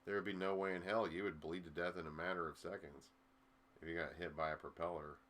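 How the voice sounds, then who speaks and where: A man's voice: low voice, steady tone, quick pace, a bit bright, slight background noise. A man co-hosting a casual sports chat, laid-back and rambling, swearing now and then. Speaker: podcast co-host.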